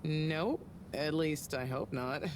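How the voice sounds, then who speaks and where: An actress voicing Bridget, a friendly, talkative energy consultant who chats in a breezy, upbeat way. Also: female voice, deep voice, expressive, slow, full character voice. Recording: game audio with ambient noise.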